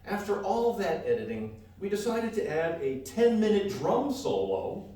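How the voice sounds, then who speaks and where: Before a live audience on a hall stage, a male comedy radio show performer and co-host delivers scripted banter in the style of a mock-grand showman announcer. His voice sits high with big pitch swings and a measured pace; the recording has heavy echo, a distant mic and faint noise.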